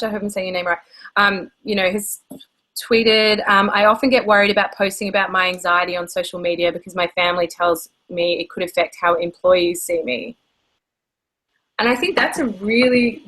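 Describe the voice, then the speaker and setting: An Australian woman moderating a panel discussion, animated and easily worked up. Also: medium pitch. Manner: animated, quick to get worked up.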